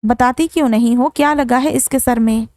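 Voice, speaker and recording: A woman's voice: a little high, moderate pace, a little mellow, no room sound, studio quality, natural voice. A woman voicing a stern, impatient young husband and father in a firm, brusque way.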